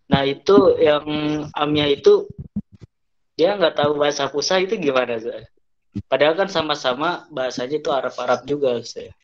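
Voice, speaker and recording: A man's voice: on the high side, moderate pace, highs cut off. A male student eagerly raising a question in class.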